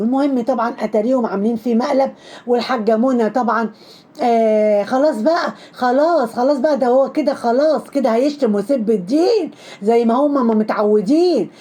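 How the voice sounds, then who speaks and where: A woman with an Egyptian accent rattles off gossip commentary at a rapid clip. Her voice sits a little high but mellow. She is sarcastic and mocking throughout. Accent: Egyptian Arabic.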